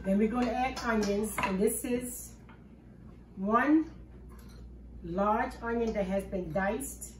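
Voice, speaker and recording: Speaking slowly with long pauses, this older woman has a medium-pitched voice and some background noise behind her. She's hosting a relaxed home cooking video, explaining every step warmly from her own kitchen. A camera set far off on the counter captures it, giving a roomy, distant kitchen sound.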